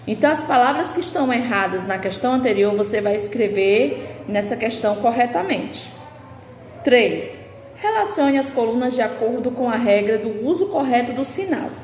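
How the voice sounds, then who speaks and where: A woman's voice: a little high, animated, a little mellow. A woman teacher with a Brazilian Portuguese accent, patiently reading through workbook exercises in a remote lesson. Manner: slow, patient explaining, reading out questions. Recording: echoey room with long reverb, faint background hiss.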